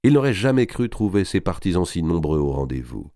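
A man narrates a historical novel in a measured, expressive audiobook reading. His voice is very deep, yet his pitch moves widely with the story. The recording is dry and close, with no room echo.

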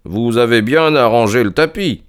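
A man's voice: mid-range voice, moderate pace, pitched above the performer's own voice, close to an everyday voice. A man playing a cool, commanding detective. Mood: cold. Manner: cool, clipped, authoritative. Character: sharp, commanding male detective, middle-aged.

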